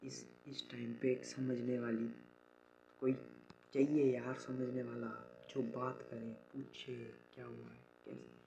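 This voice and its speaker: A man's voice: medium pitch, level tone, slow, creaky. A young man venting in a personal vlog, frustrated and hurt, talking through his troubles with lots of fillers and restarts. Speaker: vlogger. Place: rural home with farm. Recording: slightly dull lo-fi audio with faint ambient noise.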